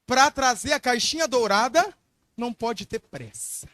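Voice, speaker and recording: Brief: emphatic male preacher, repetitive and dramatic, high voice. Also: expressive, measured pace, bright, forceful tone, no room sound. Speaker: pastor. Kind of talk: sermon.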